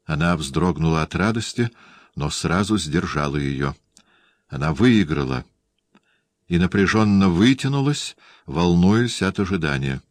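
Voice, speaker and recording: A man narrating a literary novel in a measured, even storytelling voice. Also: low-pitched, dry recording. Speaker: audiobook narrator.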